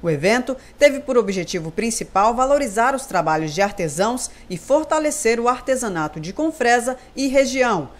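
A woman TV reporter reading a scripted news voice-over in a measured manner. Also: fairly high pitch, expressive.

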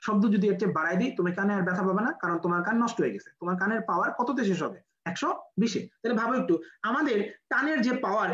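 Fast-talking Bangladeshi physics lecturer. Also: medium pitch, a bit bright. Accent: Bangladeshi Bengali. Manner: quizzes students with rhetorical questions, repeats key numbers. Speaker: medical admission physics lecturer. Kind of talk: classroom lecture. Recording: roomy, dull lo-fi classroom recording.

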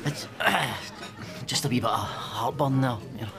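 Man acting strained, creaky Scottish office underling. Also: mid-range voice, normal speed, crowd noise, natural voice. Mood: nervous. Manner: blurting, strained. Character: nervous, eager-to-please young male office employee. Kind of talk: sketch comedy acting.

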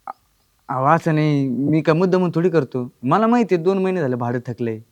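A man's voice: fairly high pitch, lively intonation, a little fast, natural voice. An actor playing a poor young husband who lied about his wealth, pleading and evasive. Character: broke young husband, sheepish liar, pleading. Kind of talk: comic village drama acting.

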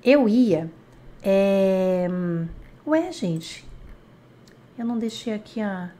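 A woman teaching a live online lesson, chatty, asking the class questions and repeating words slowly. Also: medium pitch, animated, warm tone. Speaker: French teacher.

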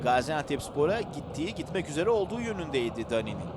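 A man's voice: on the high side, big pitch swings, fast. A man giving live commentary on a football match. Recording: stadium broadcast with roaring crowd and loud noise.

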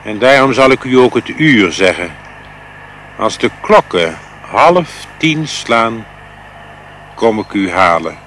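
A man voicing Death as a gentle, knowing old man, speaking low, quiet and unhurried. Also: expressive, a little hiss or hum. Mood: calm, hushed.

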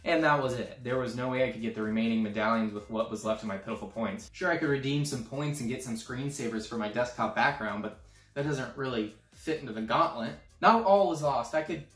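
A man's voice: mid-range voice, a little fast, a bit bright, roomy sound, soft background music. A man narrating a comedic scripted vlog with a sarcastic, self-mocking manner that swings into sudden mock outbursts. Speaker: YouTube creator.

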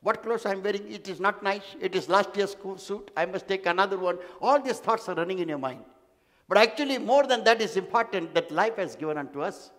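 A man delivers an emphatic sermon as pastor, his voice pitched notably high. He repeats phrases for weight and builds to stressed declarations. The sound rings with a long hall reverb. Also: lively intonation, a little fast, a bit bright. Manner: emphatic, repetitive preaching.

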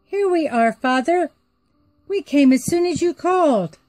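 A woman's voice: sits high, expressive, unhurried, darkish tone, voice pushed up. A woman voicing two sweet, eager young princess sisters in a storybook, in a childlike way.

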